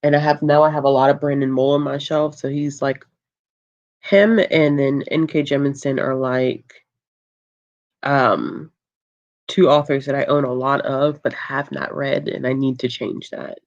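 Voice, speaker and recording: The host of a book channel reads viewer comments aloud at a measured pace in a casual livestream. The low, calm voice is relaxed, with frequent laughs and many ums, though the audio comes across dull.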